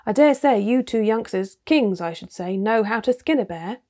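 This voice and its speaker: A woman reading the lines of a gruff, blunt male dwarf soldier in a storybook, with a practical, grumbling manner. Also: mid-range voice, animated, moderate pace, dark tone, natural voice.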